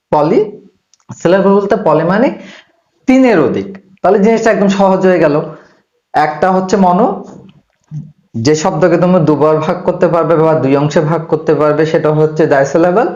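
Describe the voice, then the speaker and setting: A man's voice: on the high side, darkish tone. A man teaching an English grammar lesson to beginners, patiently repeating key points and speaking directly to the student. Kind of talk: classroom-style lesson explanation. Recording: echoey room, dull lo-fi sound.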